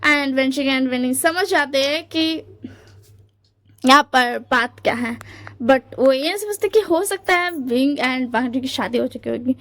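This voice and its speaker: A woman's voice: high-pitched, a little slow, fairly bright tone. A woman casually retelling a fan story, chatty and full of fillers, mixing English words into her talk. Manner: chatty, mixes English into Hindi, filler-heavy.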